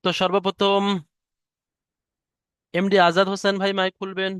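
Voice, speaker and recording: A man teaching an online Quran reading class, slowly drawing out letter sounds to demonstrate them. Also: high voice, monotone, fairly bright tone, clean tone, no echo, clean studio sound. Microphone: headset or computer mic on an online class call.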